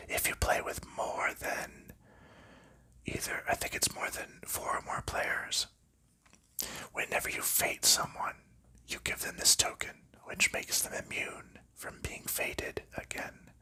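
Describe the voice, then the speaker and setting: Softly and without rushing, a male ASMR creator whispers an explanation of a board game's components and how it's played.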